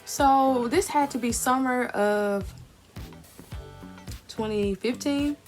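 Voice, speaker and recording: A woman's voice: high voice, slow pace, soft background music. A woman vlogger chatting casually and a little self-consciously as she eats between sentences. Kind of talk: casual chat while eating.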